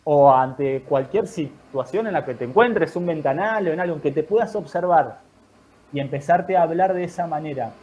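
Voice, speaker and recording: A man, a guest in an online talk, giving calm, thoughtful advice in measured explanatory phrases. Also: fairly high pitch. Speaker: guest speaker.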